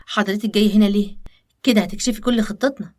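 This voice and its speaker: A woman with an Egyptian accent voicing a worried young secretary, in an animated story. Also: mid-range voice, fast, close to an everyday voice. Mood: alarmed. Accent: Egyptian Arabic.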